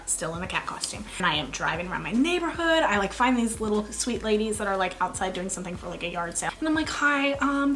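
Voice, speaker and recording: A young woman vlogger telling a story in a chatty, animated, self-mocking way. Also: medium pitch, a little hiss or hum, poor audio. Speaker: YouTube vlogger. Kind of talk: casual storytime vlog.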